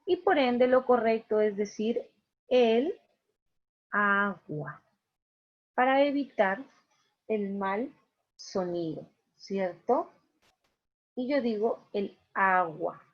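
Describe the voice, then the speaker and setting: A woman's voice: a little high, slow, long pauses. A woman teacher giving a class, explaining patiently step by step and checking in with her students often. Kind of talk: online class lecture. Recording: dull lo-fi recording.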